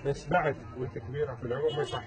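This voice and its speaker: A young man, crouching on a sidewalk and gently reassuring an older woman. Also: on the high side, steady tone, rapid-fire, over a noisy crowd. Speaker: social experiment host. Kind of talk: street interview. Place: outdoors on a city sidewalk, crouching.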